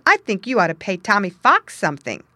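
An earnest young male beaver from a storybook speaks high and loud, pressing every point with firm emphasis, as a woman reader puts him on. He is shrewd and insistent, and his voice rides noticeably above the narration. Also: very animated, moderate pace, no echo, full character voice.

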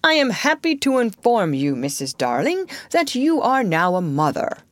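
Woman as a self-important little boy, higher-pitched. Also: sing-song, moderate pace, no room sound, lightly acted. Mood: mock formal. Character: small boy playing at being a formal father. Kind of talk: audiobook character voice.

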